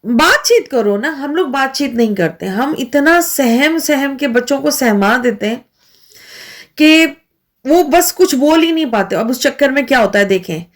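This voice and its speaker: An earnest woman from Pakistan hosts a vlog, talking straight to her viewers. Her voice sits a little high. She keeps asking rhetorical questions as she makes her points. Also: lively intonation, normal speed. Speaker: vlog host. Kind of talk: casual talk to camera.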